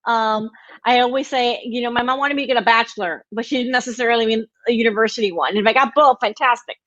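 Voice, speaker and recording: A woman from Miami, Florida, a guest in an interview, telling her life story in a warm, proud way. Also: a little high, fairly even intonation, fast talker, highs cut off. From Miami, Florida, United States. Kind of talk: casual interview chat.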